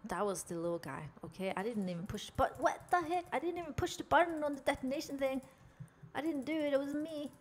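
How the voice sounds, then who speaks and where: Her voice is high, animated, and fast, and the recording has a little hiss or hum. A young game streamer from Norway with a Norwegian accent, she narrates her character while joking and chatting with viewers.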